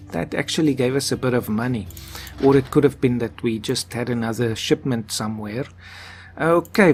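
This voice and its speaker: A man's voice: medium pitch, darkish tone. Man thinking aloud over a game. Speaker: gameplay commentator. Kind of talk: let's play commentary. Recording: faint game music behind.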